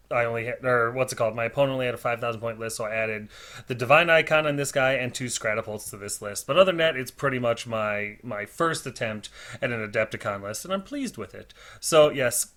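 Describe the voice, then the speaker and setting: Male host, medium pitch. Casual, self-deprecating hobby narration, captured on a cheap laptop mic with slight distortion. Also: fairly bright tone. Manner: chatty, informal, self-deprecating. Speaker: host of a tabletop wargame battle report series. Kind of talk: casual narrated game report. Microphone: built-in laptop or monitor microphone.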